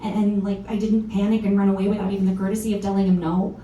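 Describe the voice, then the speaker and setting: An actress playing a blunt, self-mocking singer-songwriter of around thirty who has come back home. She confides and swears casually in a very dark, mellow voice. She is heard from a distance in a roomy venue, with a faint instrument playing behind her. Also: medium pitch, little pitch movement, fast, lo-fi sound, a little hiss or hum, natural voice. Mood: wry, confessional. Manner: frank, wry, confessional, swears casually. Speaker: lead actor in a one-woman musical. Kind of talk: stage monologue at a live reading. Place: small performance venue.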